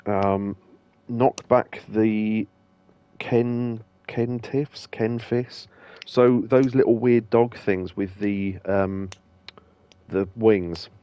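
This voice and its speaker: This male gaming host talks extremely slowly through his let's-play, rambling casually with many ums and false starts. His voice is on the low side, with fairly even intonation and a clean tone, though the audio sounds dull.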